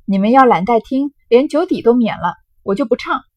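A woman reading aloud as a crude, blustering young rich man, loud and halting. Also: a little high, lively intonation, dry recording, lo-fi sound.

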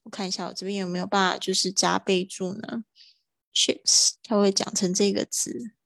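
A woman teaching English vocabulary in a livestream, drawing out model words slowly between quick explanations. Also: medium pitch, little pitch movement, gravelly, no room sound.

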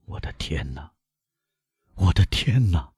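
A desperate middle-aged prosecutor, voiced by a male audiobook reader, speaking low and hushed, stumbling over his words as he begs. The voice is very deep and raspy, and the dry recording keeps every break in it close. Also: big pitch swings, a little slow, dry recording, full character voice. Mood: pleading. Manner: hushed, faltering, begging. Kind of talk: audiobook character reading.

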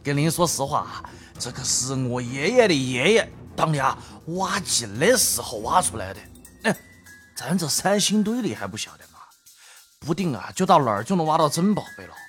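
A man voicing a boastful street antique vendor, with a Sichuan accent and a loud hawking manner. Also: fairly high pitch, very animated, normal speed, faint music behind, voice pushed up. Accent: Sichuan Mandarin. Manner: loud hawking, sly and wheedling.

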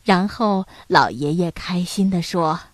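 A woman reading a children's picture book aloud, expressive and playful with sound effects. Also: fairly low pitch, unhurried, no echo. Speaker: storyteller.

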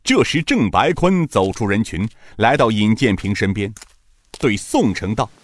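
A man's voice: on the low side, animated, a little slow. A man narrating a serialized martial-arts story in a dramatic, rhythmic style.

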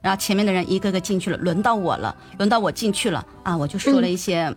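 A young woman telling a personal story in a lively, chatty way, repeating words and asking her listeners questions. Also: mid-range voice, fast talker, soft background music. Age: young adult. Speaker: storyteller addressing her audience.

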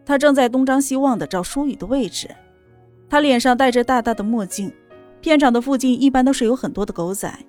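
A woman's voice: high voice, a little fast, a little mellow, faint music behind. Woman narrating a novel.

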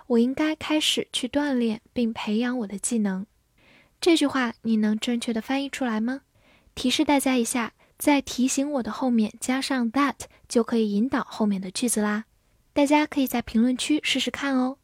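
A woman's voice: fairly high pitch, moderate pace, dry recording, clean studio sound. A woman giving a scripted vocabulary lesson as a teacher, over-enunciating carefully and repeating words for learners. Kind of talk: scripted instructional narration for learners.

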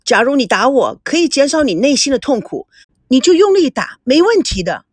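A woman's voice: high-pitched, big pitch swings, brisk, breathy edge, dry recording, studio quality, heavily acted. A woman voicing an anxious, persistent young man who speaks earnestly. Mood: worried. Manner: earnest, worried.

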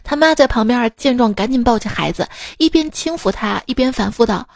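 A woman's voice: a little high, expressive, brisk, vocal fry, no echo, clean studio sound. A mother telling funny stories about her daughter in a chatty, playful comic monologue. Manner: chatty, playful, laughs at her own jokes.

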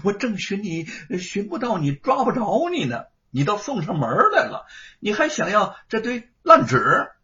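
A man voicing a bullying constable chief who barks and shouts with scorn. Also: high voice, big pitch swings, a little slow, few pauses, pitched above the performer's own voice, exaggerated voice. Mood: scornful. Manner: loud, shouting, scornful barking. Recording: dull lo-fi recording.

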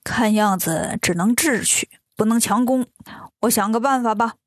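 A woman voicing a boastful, scheming male demon king in a children's story, with a sly, slow drawl. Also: fairly high pitch, no echo, studio quality, close to an everyday voice. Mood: wary.

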